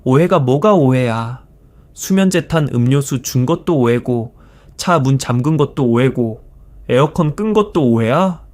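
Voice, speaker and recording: In a natural, animated voice of medium pitch, a male narrator becomes a furious old grandfather, a retired teacher, raising his voice to scold. The pace is measured. His tone is dry and close, with no echo.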